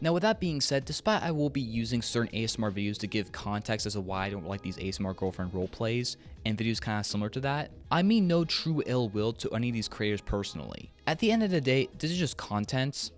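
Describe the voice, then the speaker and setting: A YouTube commentator hosts a scripted video essay, sarcastic and joking, with casual swearing. He has a medium-pitched voice and is animated, talking fast with few pauses. Faint music plays behind him.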